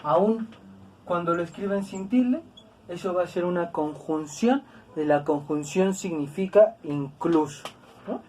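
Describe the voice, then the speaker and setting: A woman's voice: lowish voice, unhurried, mellow, far from the mic, slight background noise. A woman teaching a grammar lesson, patient and repetitive, with tag questions and fillers. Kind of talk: explanatory lesson.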